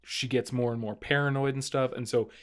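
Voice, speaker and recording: A man co-hosting a podcast, chatting casually. His talk rambles, with restarts and frequent laughter, and his voice sits at an ordinary middle pitch. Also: fairly even intonation, fairly quick. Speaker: podcast co-host. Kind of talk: casual chat.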